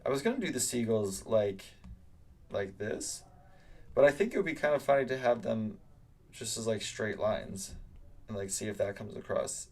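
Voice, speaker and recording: A man's voice: fairly low pitch, animated, normal speed, a little mellow. A young man teaching art, chatting loosely while he draws and answers live chat comments. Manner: rambling, with many fillers, reads out chat comments. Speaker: art teacher hosting a live drawing stream. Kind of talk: casual live-stream chat while drawing.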